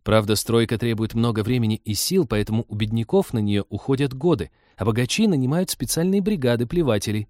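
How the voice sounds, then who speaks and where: A man's voice: mid-range voice, a little fast, hardly any pauses, a little mellow, no room sound, clean studio sound, close to an everyday voice. A man voicing a curious, impulsive young woman space traveler who talks with eager wonder.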